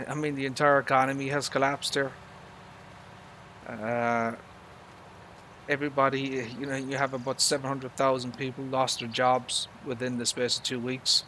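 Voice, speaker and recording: A man's voice: mid-range voice, flat delivery, moderate pace, long pauses, bright, forceful tone, slight background noise. A middle-aged Irish man chatting casually with viewers while he plays, rambling with lots of fillers and mild swearing. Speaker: live game streamer. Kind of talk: casual live-stream chat while gaming.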